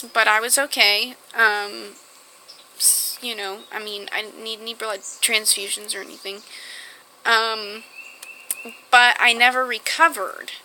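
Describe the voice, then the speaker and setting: Bright-voiced woman telling her story. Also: fairly high pitch, slight background noise, rough recording. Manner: halting, many fillers and restarts. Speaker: vlogger. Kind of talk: personal health story to camera.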